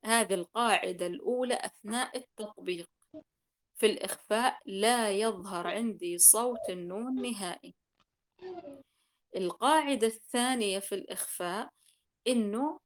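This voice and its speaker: A woman's voice: medium pitch, slight background noise. A woman teaching Quran recitation rules in a class, explaining patiently, repeating key points and sounding out examples.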